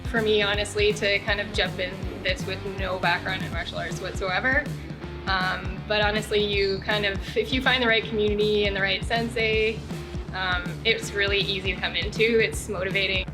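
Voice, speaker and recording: A woman who trains in karate talks candidly about it, often softening her words with filler phrases. Her voice is at an ordinary pitch. Music plays clearly behind her. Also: fairly even intonation, moderate pace. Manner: candid, hedging with kind of. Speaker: karate student.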